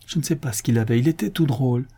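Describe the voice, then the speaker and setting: Casting: man playing a young lieutenant, shaken, eager, husky. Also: mid-range voice, expressive, fast talker, warm tone. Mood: emotional. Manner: eager, emotional. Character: young male lieutenant, emotional and devoted.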